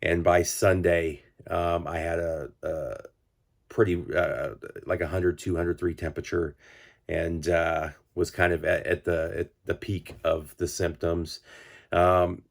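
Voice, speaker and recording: A man in his forties with a drawl talks through a stuffy, congested nose. His voice sits very low, and he rambles in a relaxed vlog style, full of ums and restarts. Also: a little slow, vocal fry. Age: 40s. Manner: rambling, many fillers and restarts. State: congested, recovering from illness. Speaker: vinyl collector channel host. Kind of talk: casual record-collecting vlog.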